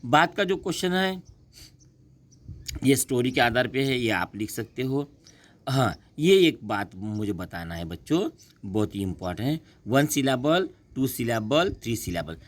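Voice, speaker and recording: A man teaching a class, slowly repeating words and asking and answering his own questions. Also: mid-range voice, big pitch swings. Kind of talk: classroom lesson.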